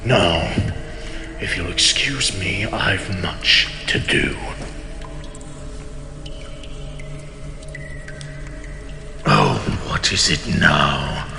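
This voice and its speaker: A man's voice: low-pitched, expressive, takes it slowly, vocal fry, exaggerated voice. A man playing a haughty, betrayed immortal king in a fantasy audio drama, pompous and sardonic in formal archaic speech. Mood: mocking, dismissive. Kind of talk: dramatic audio roleplay monologue. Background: music.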